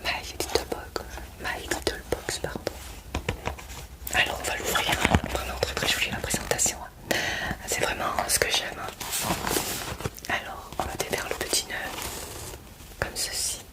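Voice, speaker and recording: Softly whispering woman, halting unboxing. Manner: soft, halting whisper with many fillers; gushing over a subscription box unboxing. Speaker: ASMR creator. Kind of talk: whispered role-play.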